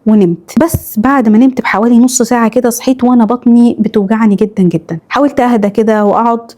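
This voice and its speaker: A woman with an Egyptian accent narrating horror stories in a quick first-person retelling. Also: on the high side, fairly even intonation, mellow. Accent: Egyptian Arabic. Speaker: storyteller reading followers' horror stories.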